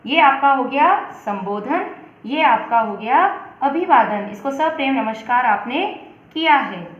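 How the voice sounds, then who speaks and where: A woman's voice: sits high, expressive, a little slow. A woman, a teacher explaining letter writing step by step and calling her students beta. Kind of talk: Hindi letter-writing lesson. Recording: very echoey, dull lo-fi room.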